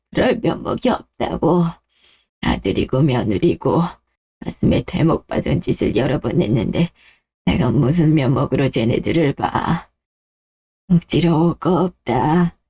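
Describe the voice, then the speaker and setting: A performer voicing a remorseful, dying old father in a radio drama, who speaks slowly and heavily as he apologizes. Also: on the high side, vocal fry, mellow, breathy edge, full character voice. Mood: stubborn. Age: older.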